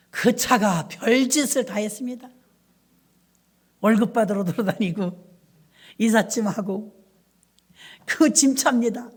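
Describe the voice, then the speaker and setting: In a storytelling sermon, a middle-aged woman pastor shares anecdotes from church life in a lively, chatty style, briefly imitating the voices of the people involved. Her voice is husky and sits in the mid range.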